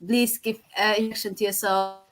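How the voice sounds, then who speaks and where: A woman's voice: medium pitch, little pitch movement, fairly quick, fairly bright tone, poor audio. Somali-born woman hosting a live stream, lots of ums, kinda hesitant. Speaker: host. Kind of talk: live video chat hosting.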